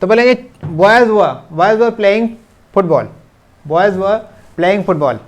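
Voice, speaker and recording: A man teaching English grammar in a video lesson, explaining patiently and slowly repeating English example sentences. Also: high-pitched, animated, dull audio. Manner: mixes English sentences into his speech. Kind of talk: classroom-style video lesson.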